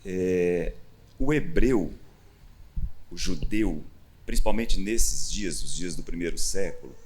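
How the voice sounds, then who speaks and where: Low-voiced Brazilian pastor teaching. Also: male voice, slow, slight background noise. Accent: Brazilian Portuguese. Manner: animated, acts out quoted voices with rising emphasis. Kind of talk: conversational sermon teaching. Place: church stage.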